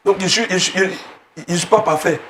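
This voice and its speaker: A man's voice: sits high, moderate pace, fairly bright tone, roomy sound, a little hiss or hum. A man on a talk show, defending himself with stammering pleas. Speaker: pastor guest on a talk show.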